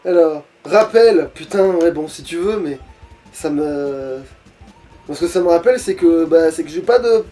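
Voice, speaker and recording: A man's voice: on the high side, expressive, a little slow, dark tone, soft background music. A young man giving casual, sweary commentary as he plays a video game.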